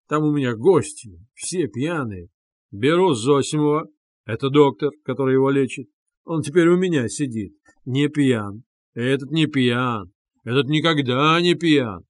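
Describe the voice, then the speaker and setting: A man's voice: medium pitch, expressive, unhurried, no echo, close to an everyday voice. Brief: male narrator as a boisterous, slightly drunk young man, rambling and eager. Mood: excited. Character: tipsy, excitable young man, loud. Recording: dry close studio sound.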